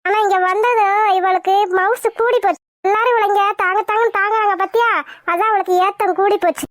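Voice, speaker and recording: A woman's voice: very high voice, fairly even intonation, fairly quick, no echo, studio quality. A woman voicing a scheming, jealous mother in a cartoon, spiteful and sneering.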